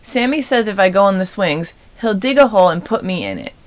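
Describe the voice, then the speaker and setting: A woman's voice: medium pitch, expressive, a little fast, lightly acted. A woman voicing a timid but imaginative little boy in a storybook, in an earnest, childlike way.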